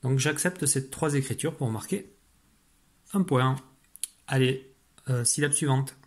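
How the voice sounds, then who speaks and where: Speaking a little slowly in a mid-range voice, a man teaches a primary pupil spelling through dictation. He's patient, speaks directly to the child, and goes step by step.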